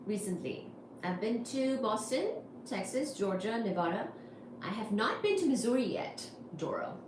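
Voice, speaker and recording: A woman's voice: on the high side, animated, moderate pace. A woman from India hosting a casual livestream, answering chat comments with wry asides. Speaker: livestream host. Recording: echoey room with faint noise.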